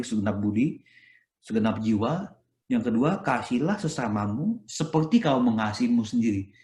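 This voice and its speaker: A man's voice: mid-range voice, darkish tone. A man with an Indonesian accent, a priest giving a conversational sermon, often ending phrases with "gitu ya" and slipping English phrases in. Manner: conversational, peppered with "gitu ya" tags; mixes English phrases into his speech. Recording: echoey room.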